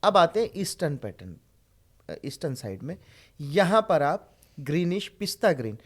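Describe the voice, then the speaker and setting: A man's voice: fairly high pitch, sing-song, normal speed. A man, a Vastu consultant, giving instructive explanations in an interview and often checking in with his listener. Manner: instructive, checks in with "right?" and "isn't it?".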